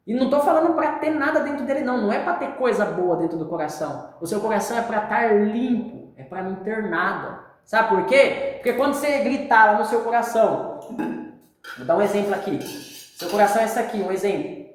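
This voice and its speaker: A woman's voice: medium pitch, animated, a little fast. A woman with a Brazilian accent gives an informal Bible lesson in a mid-range voice. She drops into slang and drives her points home by repeating them. The recording is heavily echoey, as if made in a bare, hard-walled room. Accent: Brazilian Portuguese. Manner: slangy, emphatic, repeats phrases. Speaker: preacher.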